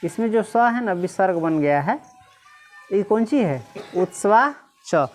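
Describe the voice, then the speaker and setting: A woman teacher, reading Sanskrit slowly syllable by syllable and quizzing the class again and again. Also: mid-range voice, lively intonation, a little mellow. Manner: repeatedly quizzes listeners, slow syllable-by-syllable reading.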